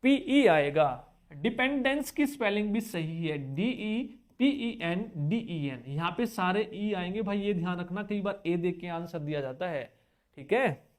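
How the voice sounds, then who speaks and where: A man teaching an exam-prep spelling lesson, who spells words out letter by letter, repeats the key points and coaxes his students with quick check-back questions. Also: high-pitched, animated.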